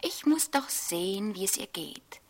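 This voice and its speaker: A woman voicing a stern, gruff male forester in a fairy tale. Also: mid-range voice, very animated, unhurried, a little mellow. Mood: puzzled.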